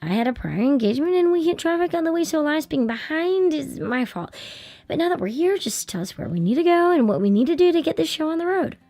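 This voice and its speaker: A woman's voice: sits high, very animated, fast talker, no echo. A woman voicing a teasing young woman. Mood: polite. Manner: teasing, bright and playful. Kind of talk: audiobook dialogue.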